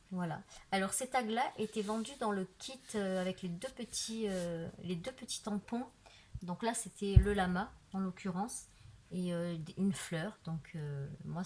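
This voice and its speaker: A woman casually showing off a handmade craft album, chatting as she turns each page and filling her talk with "voilà" and "euh". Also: mid-range voice. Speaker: craft video maker. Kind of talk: casual craft show-and-tell. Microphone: camera on a tripod.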